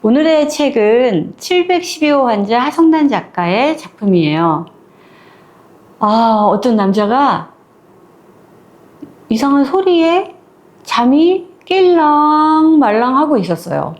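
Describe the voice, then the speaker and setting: A woman casually retelling a short story to her listeners, lively and acting out the characters' lines as she goes. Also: high-pitched, takes it slowly.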